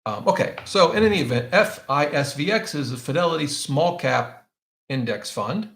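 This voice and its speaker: Gravelly man answering viewer questions live. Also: a little high, expressive, normal speed, a bit bright, reverberant. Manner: conversational, thinks aloud with frequent restarts. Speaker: finance channel host answering viewer questions. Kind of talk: live Q&A, casual explanation.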